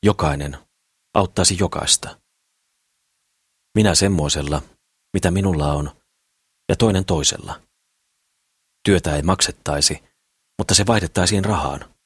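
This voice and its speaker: A man's voice: low voice, long pauses, a bit bright, husky, no echo, clean studio sound, full character voice. A man reading the lines of a naive, idealistic poor man in an audiobook, in an eager, rambling way. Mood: earnest.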